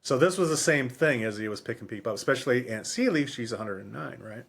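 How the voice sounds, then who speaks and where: Talking fast and animated, this podcast co-host has a medium-pitched, creaky voice with a fairly bright tone. The book discussion is loose and unscripted, and he wanders, circles back on phrases, and rewords his own points.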